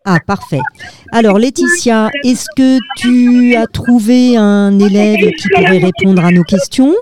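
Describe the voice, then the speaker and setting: A woman's voice: on the high side, a little slow, a crowd in the background. A woman hosting a live school web radio show, patient and hesitant, with many fillers.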